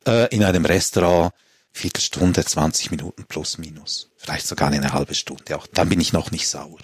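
A man, talking calmly as a guest on a comedic panel show. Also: rumbling low, moderate pace, husky, no room sound, studio quality. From Switzerland. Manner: relaxed, reads a letter aloud.

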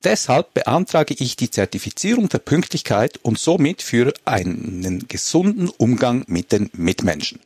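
A man, talking calmly as a guest on a comedic panel show. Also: medium pitch, measured pace, few pauses, husky, dry recording. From Switzerland. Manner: relaxed, reads a letter aloud.

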